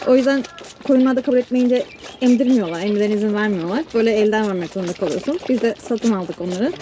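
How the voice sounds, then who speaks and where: A woman's voice: mid-range voice, quick pace, crowd noise. A young woman doing farm chores and chatting casually to her camera and to the animals as she feeds lambs. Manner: chatty, self-talking, coaxing animals. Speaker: farm vlogger. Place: barn with sheep and chickens. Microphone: head-mounted camera mic. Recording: noisy barn recording with bleating. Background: bleating lambs and sheep.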